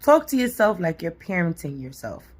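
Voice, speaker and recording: A woman with a raspy, husky voice, lower than most, talks straight to her viewers in a casual vlog. She is blunt and full of curses, yet she keeps pushing everyone to get up and keep going. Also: very animated, normal speed. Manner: blunt, profane and encouraging, says "y'all" and "honey". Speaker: vlogger and mother. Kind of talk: casual motivational talk to camera.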